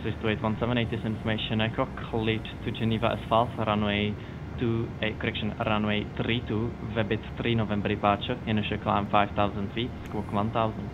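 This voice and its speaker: A man calling traffic as an air traffic controller, his low voice staying almost perfectly level in calm, clipped radio phrases. He comes through a pilot's headset as a radio transmission, the sound dull and lo-fi with a loud hiss underneath. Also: normal speed. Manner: calm, clipped, even delivery. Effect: radio transmission heard through a pilot's headset.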